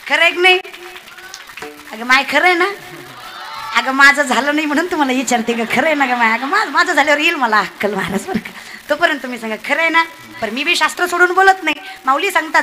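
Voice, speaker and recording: A woman's voice: sits high, slight background noise. A woman preaching a humorous devotional sermon on a stage, teasing her listeners and acting out the people in her tales. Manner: lively, teasing the audience, acts out characters in the tale. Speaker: kirtan preacher.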